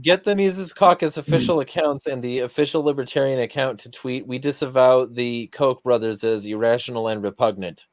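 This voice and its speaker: A man's voice: medium pitch, a little fast, few pauses, no room sound. A man hosting a podcast who rants bluntly and swears often in casual heated talk. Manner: blunt, profane, ranting. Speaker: podcast host.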